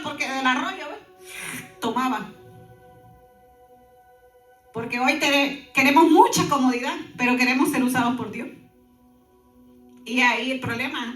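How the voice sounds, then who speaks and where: A woman pastor giving an animated sermon, breaking in with lively asides to the congregation. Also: high-pitched, reverberant, distant mic.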